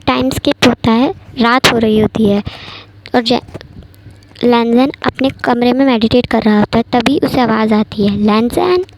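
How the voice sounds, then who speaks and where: A woman narrating a fan story in a chatty, casual way. Her voice is fairly high, and a faint hiss sits under the recording. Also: steady tone, moderate pace. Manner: chatty, conversational.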